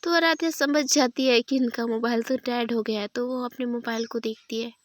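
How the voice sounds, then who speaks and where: A woman's voice: fairly high pitch, steady tone, moderate pace, no echo. Woman narrator, casual episodic storytelling, chatty and self-correcting, dry close recording.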